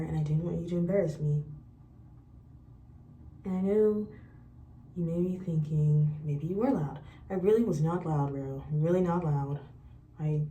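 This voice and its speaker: Speaking with a fairly low pitch, this young adult woman tells casual stories to camera in her college vlog, chattily reenacting earlier conversations. A little hiss or hum runs under the audio, which sounds echoey, with her voice somewhat distant from the microphone.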